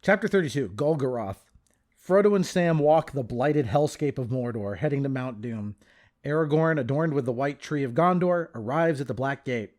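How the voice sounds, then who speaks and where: A man's voice: mid-range voice, animated, moderate pace, a little mellow. A man co-hosting a podcast, recapping and discussing a film in a casual way. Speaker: podcast co-host.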